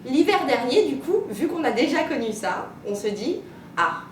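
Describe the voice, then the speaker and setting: A woman, a maths teacher chatting in an interview and pausing often on "euh". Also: very animated. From Martinique. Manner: chatty storyteller, many "euh" pauses. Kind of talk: casual interview answers. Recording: roomy, distant mic, rumbling noise.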